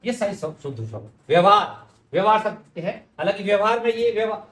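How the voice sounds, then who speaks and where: A man's voice: sits high, expressive, fairly quick, fairly bright tone, echoey room. A man teaching correct Hindi spelling, explaining each word patiently and speaking directly to his students.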